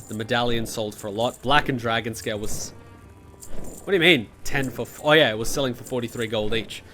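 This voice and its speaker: A Serbian-native gaming guide creator gives casual gameplay commentary in a fairly low voice. He rambles, mocks himself and swears casually, with music playing behind his voice.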